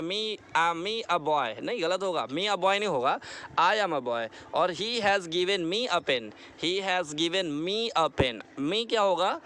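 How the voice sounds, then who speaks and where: A man with a high, bright voice teaches English grammar, stretching each example sentence out slowly and stopping to ask if the class is following. Faint traffic noise sits in the background. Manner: asks listeners if they follow. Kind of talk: explaining lesson in Hindi.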